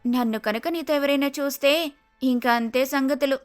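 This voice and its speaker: A man's voice: very high voice, moderate pace, soft background music, pitched above the performer's own voice. A man voicing a worried young village woman in a cartoon story. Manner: worried, pleading.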